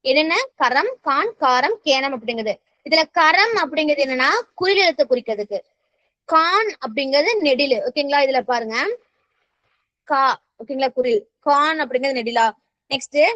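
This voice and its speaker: High-voiced woman teaching grammar. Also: expressive, normal speed, a bit bright. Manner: checks in constantly with "okay-ngala?", mixes in English words. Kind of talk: classroom grammar lesson. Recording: dull, slightly muffled sound.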